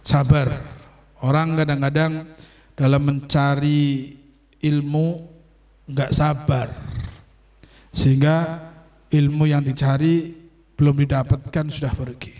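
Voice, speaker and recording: A man teaching an online sermon on Sufi patience, explaining slowly and checking that his listeners understand. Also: on the high side, little pitch movement, a little mellow. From Indonesia. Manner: explains slowly, asks "understand?" often, acts out quoted voices. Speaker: religious teacher.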